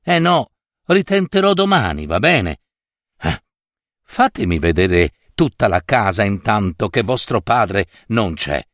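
Man doing ogre's cunning daughter, coaxing, lively swooping voice, fairy tale reading, dry sound. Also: lowish voice, unhurried, no room sound, voice pushed down. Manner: coaxing, persuasive.

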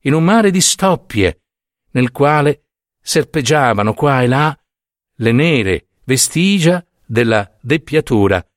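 A man reads a literary short story in a measured, expressive way. His pitch moves a great deal, rising and falling with the scene. The sound is dry and close, with no room around it. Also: no echo. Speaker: reader. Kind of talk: literary audiobook narration.

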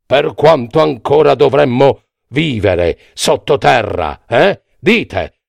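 Man playing a pompous male mouse chairman, rhetorical and impatient, slow gravelly delivery for a storybook. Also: mid-range voice, no echo, clean studio sound, heavily acted. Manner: rhetorical, exhorting.

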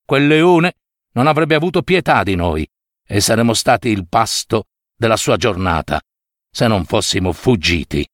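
A man doing a gentle wise father stag. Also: fairly low pitch, lively intonation, normal speed, no room sound, clean studio sound, voice pushed down, close to an everyday voice. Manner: soft, gentle, consoling.

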